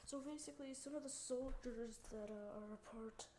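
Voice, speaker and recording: A woman's voice: on the high side, moderate pace. Woman ad-libbing a rambling pretend newscast. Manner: rambling, full of "basically" and "um" fillers. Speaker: pretend news anchor. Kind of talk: improvised make-believe news broadcast. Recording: noisy background.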